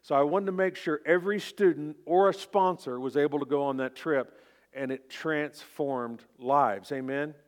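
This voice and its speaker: A man's voice: a little high, normal speed. Folksy Oklahoma man preaching a sermon. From Oklahoma, United States. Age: 50s. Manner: folksy, informal, self-deprecating. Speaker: pastor.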